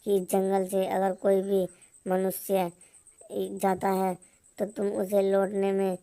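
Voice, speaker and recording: एक महिला कार्टून कहानी में एक बूढ़े, डींग मारने वाले और धमकाने वाले जंगल के चोर की आवाज़ सपाट कथा-वाचन अंदाज़ में पढ़ रही है।. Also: female voice, medium pitch, takes it slowly, vocal fry, clean tone. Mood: boastful. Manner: monotone storybook reading. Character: old male forest thief, boastful and threatening.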